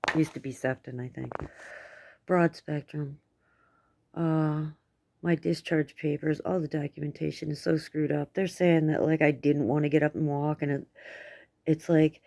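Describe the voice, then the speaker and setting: Middle-aged woman, American accent, toothless speech, low gravelly voice, rambling casual vlog. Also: mellow. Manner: rambling, candid, coarse-worded. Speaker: vlogger. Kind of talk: casual personal update to camera.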